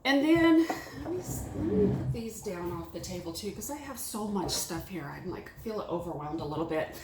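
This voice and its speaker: A woman chatting casually about her thrift finds, rambling and excitable with lots of fillers, at a table at home. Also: mid-range voice, moderate pace, reverberant, heavy background noise. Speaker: thrift haul vlogger. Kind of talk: casual chat. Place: small home room at a table.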